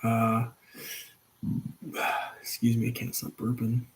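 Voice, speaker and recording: A man in his thirties hosts a casual live stream, talking loosely and warmly to viewers. He rambles and restarts often, with plenty of fillers. His voice sits at an ordinary middle pitch. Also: fairly even intonation, measured pace. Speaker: channel host.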